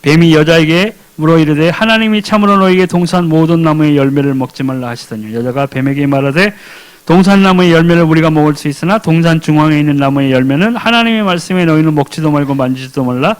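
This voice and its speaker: A man's voice: on the high side, fast, low-quality recording. A man preaching a sermon as a deacon. He asks questions and answers them himself, and acts out the characters in casual speech.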